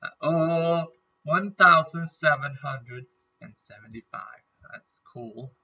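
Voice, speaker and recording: A man rambles through casual gaming commentary, chatty and stopping often to clear his throat against a nagging cough. His voice is very bright and sharp. The sound is dull and a little distant, as if he sits back from the mic. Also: a little high, slow pace. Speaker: gaming YouTuber.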